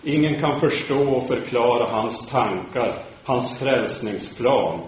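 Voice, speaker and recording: A man giving a sermon lecture in a measured, solemn way, sometimes restarting words. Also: mid-range voice, lively intonation. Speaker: preacher giving a talk. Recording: very echoey room, faint background noise.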